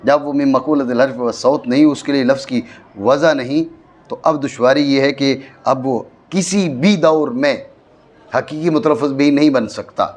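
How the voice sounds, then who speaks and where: In a madrasa classroom, a man with a Pakistani Urdu accent teaches a grammar lesson at a medium pitch. He explains slowly and frequently checks that his students are following.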